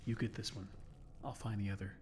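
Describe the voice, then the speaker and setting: An actor playing a wary, weary man surviving in a horror game, hushed and plainspoken. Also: fairly low pitch, fairly even intonation, moderate pace, a crowd in the background, natural voice. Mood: focused, practical.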